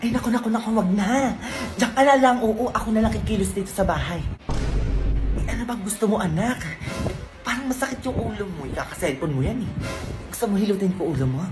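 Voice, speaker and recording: A woman's voice: mid-range voice, fast. A woman acting as a mother in a comedic skit, sweetly coaxing one moment and scolding the next. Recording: echoey room with music.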